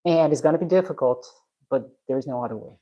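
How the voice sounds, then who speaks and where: This Russian woman has a bass voice with a warm tone and talks fast, the highs cut off in the recording. Hosting a casual live stream from her home garage, she reads and answers comments frankly and bluntly, restarting often.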